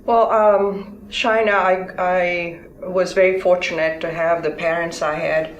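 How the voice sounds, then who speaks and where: A woman's voice: on the low side, steady tone, highs cut off. Older Tanzanian-born woman, echoey room. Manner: thoughtful, halting with fillers. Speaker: interview guest, physician. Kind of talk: conversational interview.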